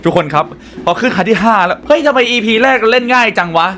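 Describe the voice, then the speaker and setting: Excitable man commenting on a game. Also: extremely high pitch, fast, slight background noise. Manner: excitable, exclaiming and talking to viewers. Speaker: gaming channel host. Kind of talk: let's play commentary.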